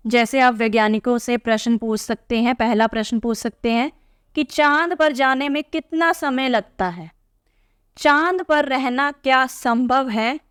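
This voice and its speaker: A woman's voice: fairly high pitch, clean tone, no room sound, studio quality. A woman teacher patiently explaining a textbook lesson to young pupils, often checking in with "theek hai?".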